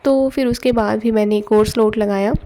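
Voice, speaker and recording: Young female vlogger, casual chatty narration, fairly high voice with a warm mellow timbre. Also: steady tone, brisk, slight background noise. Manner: chatty, loose Hindi-English mix with fillers. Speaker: exam aspirant vlogger. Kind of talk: casual study vlog narration. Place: at home.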